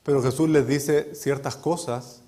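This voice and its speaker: A man's voice: mid-range voice, fairly even intonation, measured pace, mellow. A man preaching a sermon in a dramatic, emphatic way, often checking in with the congregation.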